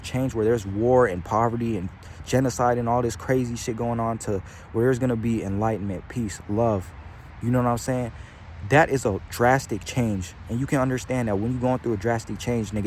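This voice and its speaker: A young man gives a loose, profanity-laced spiritual pep talk, drifting off topic and calling his listeners bro and gang. His voice sits at a middling pitch. Faint traffic hums behind him outdoors. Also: darkish tone. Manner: rambling, slangy, heavy swearing, calls listeners bro and gang. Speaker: spiritual channeler vlogger.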